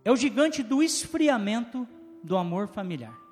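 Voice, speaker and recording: A man's voice: high voice, very animated, normal speed, a little mellow, in a large hall, soft background music. A man with a Brazilian Portuguese accent preaching a sermon in a church, full of rhetorical questions and call-and-response with his listeners. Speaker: pastor. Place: church hall.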